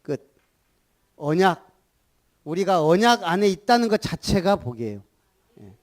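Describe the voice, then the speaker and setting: Animated high-voiced preaching man. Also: a little slow. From Gunsan, Jeolla, South Korea. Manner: animated preaching, calls for repetition, rhetorical questions. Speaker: pastor. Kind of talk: sermon.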